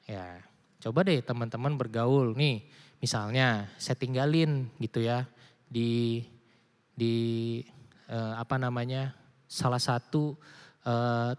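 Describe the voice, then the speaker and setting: Young man preaching in an echoing hall. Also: medium pitch. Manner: casual slangy preaching mixing English phrases, animated. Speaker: youth pastor. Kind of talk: sermon to a youth group. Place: church hall. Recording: long hall reverb.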